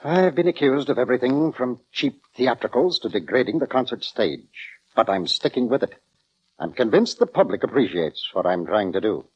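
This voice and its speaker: In the style of a 1940s radio drama, a male actor plays a pompous orchestra conductor who is formal, theatrical, proud, lofty and quick to take offense. His husky, medium-pitched voice is animated at a moderate pace. The recording sounds dull and vintage, like old radio.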